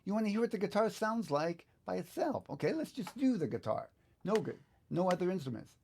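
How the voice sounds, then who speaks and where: This guitar teacher, a man in his 50s or 60s, hosts a relaxed live online session in an indoor studio, thinking out loud as he goes. His high-pitched, gravelly voice swings widely in pitch and moves briskly, with a slightly mellow quality. A faint hiss or hum is audible.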